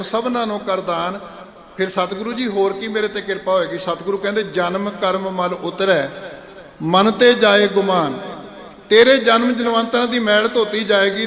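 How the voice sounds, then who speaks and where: A man preaching a sermon in a large gurdwara hall. He chants scripture verses slowly and then explains them in conversational speech. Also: sits high, fairly bright tone. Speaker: Sikh preacher giving katha. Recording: echoey hall with long reverb.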